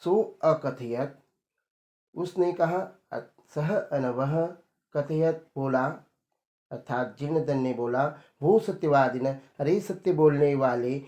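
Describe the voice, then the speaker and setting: Male teacher, slightly high voice, slow deliberate line-by-line lesson, roomy echo. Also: warm tone. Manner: slow, reads a line then explains it word by word. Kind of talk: line-by-line Sanskrit lesson explained in Hindi.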